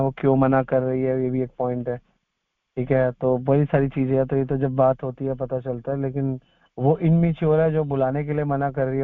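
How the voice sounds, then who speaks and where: A man's voice: medium pitch, clear, resonant tone, no echo. A man giving spiritual advice in answer to a devotee's question, repeating his points for emphasis. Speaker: spiritual counselor. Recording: tinny dry phone line.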